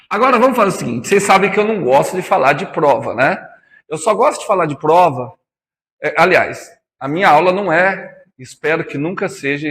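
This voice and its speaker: A man's voice: a little high, a bit bright, big-room sound. A man teaching physics in a classroom lecture with a Brazilian Portuguese accent, chatty and teasing, calling students by nicknames.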